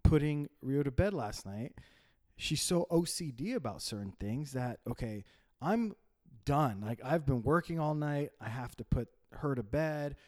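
A man's voice: medium pitch, animated, measured pace, darkish tone. A man co-hosting a casual podcast, a father telling a story in a rambling way with many restarts. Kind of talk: casual chat.

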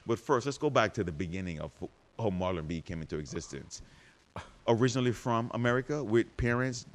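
New podcast host, lower pitch, energetic slang, hypes up his guest. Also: a little fast. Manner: animated, hyping, slangy, laughs often. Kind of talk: casual interview chat.

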